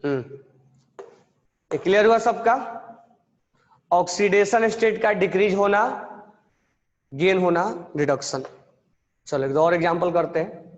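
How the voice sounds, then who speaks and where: High-voiced man teaching chemistry slowly. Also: big-room sound, dull audio. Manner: repeats phrases slowly for students to write down; mixes quick explanation with slow dictation. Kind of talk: classroom lecture, dictating notes.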